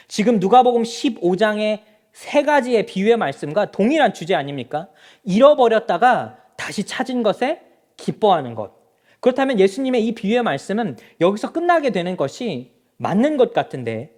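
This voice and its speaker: A male pastor preaching a sermon in a church, speaking straight to the congregation with rhetorical questions. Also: high-pitched. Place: church sanctuary.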